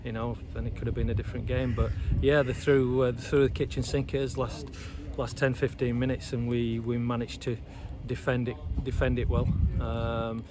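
A man's voice: mid-range voice, flat delivery, moderate pace, few pauses. A middle-aged man, an assistant football manager giving a post-match interview outdoors, talking hesitantly with many fillers and repeated words. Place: outdoors at a football ground by terrace steps. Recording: loud outdoor noise, traffic.

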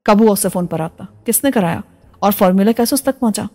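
Woman narrator as a harsh, demanding scientist, sharp questions, mellow tone. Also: medium pitch, fast, faint music behind, close to an everyday voice. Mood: angry. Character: stern male police-minded scientist.

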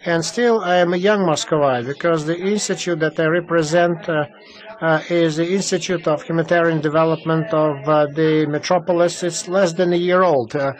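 Male simultaneous interpreter, fairly high pitch, halting delivery full of fillers. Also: steady tone, poor audio. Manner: halting, many fillers and restarts. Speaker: conference interpreter.

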